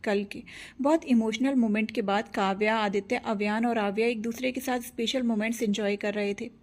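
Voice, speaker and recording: A woman narrating a romance audio serial in a steady storytelling manner, voicing every character herself. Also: on the high side.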